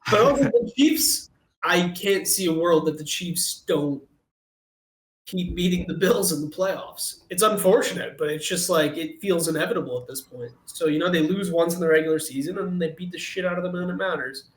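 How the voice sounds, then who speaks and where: Male podcast co-host, fairly high voice, fretful tone, echoey room sound. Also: moderate pace. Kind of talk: casual sports chat.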